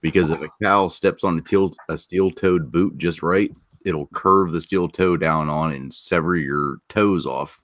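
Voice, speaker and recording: Very deep-voiced man, blunt and crude. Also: unhurried, few pauses, fairly bright tone, no room sound, clean studio sound. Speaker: chat participant. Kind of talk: casual group chat.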